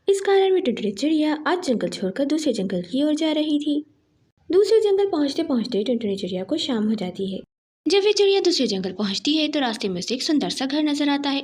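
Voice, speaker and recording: A woman narrating a children's cartoon moral story in an expressive, sing-song manner. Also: sits high, husky.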